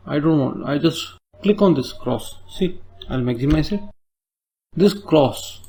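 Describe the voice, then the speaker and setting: A man's voice: fairly high pitch, vocal fry, darkish tone. A man with an Indian English accent teaching a coding tutorial, explaining step by step and checking in with tag questions. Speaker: programming tutor. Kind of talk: screen-recorded coding tutorial.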